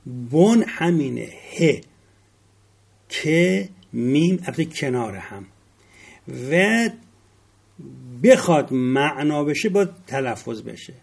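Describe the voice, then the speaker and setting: Gravelly husky man lecturing on word roots. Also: fairly high pitch, lively intonation. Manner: spells out letters slowly, rising emphasis. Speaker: religious studies teacher.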